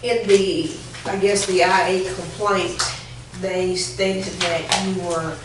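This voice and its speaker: A woman's voice: fairly low pitch, little pitch movement, slow. A woman questioning a witness at a formal hearing, probing and repeating questions to confirm answers. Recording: echoey room, distant mic, faint noise.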